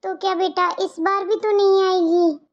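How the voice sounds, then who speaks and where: A doting older mother longing for her daughter, as a woman puts her on, warm and wistful, very high pitched. The audio is dull and lo-fi. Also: steady tone, moderate pace. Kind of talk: cartoon story voice acting.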